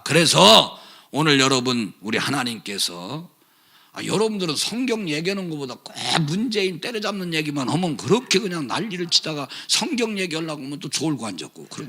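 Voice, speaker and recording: A man preaching a fiery, scolding sermon, shouting and sarcastic, swinging from loud outbursts to low mutters. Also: breathy edge.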